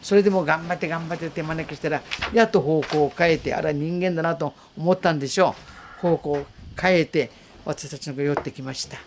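An elderly woman, earnestly telling her memories as a survivor in an interview, vivid and animated as she brings the story to life. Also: deep voice, a little fast, a little hiss or hum. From Okinawa, Japan. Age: 80s. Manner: vivid, earnest, re-enacts voices and calls. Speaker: war survivor giving testimony.

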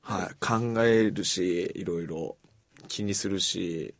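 A man hosting a casual radio show and reading out listener letters, soft-spoken and self-deprecating, his voice often trailing off quietly. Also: sits low, slow, no room sound. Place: radio studio.

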